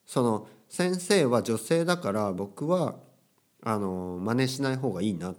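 A man's voice: on the low side, animated, measured pace. A young man teaching casually, with playful quotes of characters and phrases. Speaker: Japanese teacher. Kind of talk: casual language lesson.

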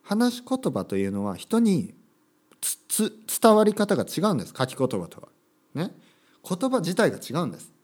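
Lively male podcast host thinking aloud. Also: high voice, moderate pace. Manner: thinks aloud, adds frequent tag words to sentences; acts out short sample dialogues in a livelier voice. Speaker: podcast host for Japanese learners. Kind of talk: casual solo podcast monologue.

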